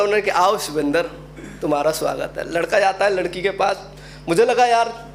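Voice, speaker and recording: A young man doing a stand-up comedy set, telling stories with a UP Hindi accent and acting out characters in quick asides. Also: sits high, background noise. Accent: Uttar Pradesh Hindi. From Uttar Pradesh, India.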